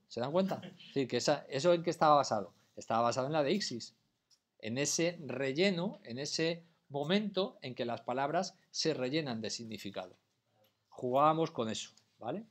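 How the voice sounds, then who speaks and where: Spanish-man teaching a class. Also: a little high. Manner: patient, keeps checking understanding with questions. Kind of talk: classroom lecture.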